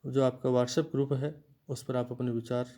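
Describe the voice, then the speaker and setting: A man teaching Sanskrit grammar to students, explaining slowly and restating each point in a lecture style. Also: mid-range voice, level tone, dark tone.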